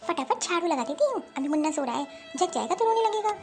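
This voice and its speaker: A woman's voice: very high voice, expressive, quick pace, over music. A woman voicing a tired, overworked older mother-in-law in a cartoon story, complaining and self-pitying. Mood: grumbling. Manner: complaining, grumbling to herself. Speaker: voice actor. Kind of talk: Hindi cartoon dialogue.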